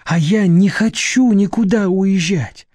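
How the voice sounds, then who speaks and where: A man's voice: sits high, slow, a little mellow, no echo, pitched above the performer's own voice. A man reading an audiobook, voicing a timid young woman who talks in a plaintive, pleading way. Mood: agitated. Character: timid young woman, fearful and self-pitying.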